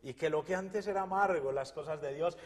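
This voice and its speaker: A man's voice: fairly high pitch, brisk, big-room sound. A man from Colombia gives an earnest, fervent religious testimony, often repeating his phrases. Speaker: testimony guest.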